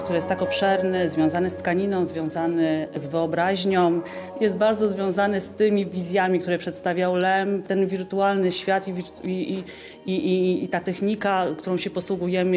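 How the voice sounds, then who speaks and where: A man's voice: high-pitched, flat delivery, moderate pace. A man giving a speech at an exhibition opening. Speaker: exhibition speaker. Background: music.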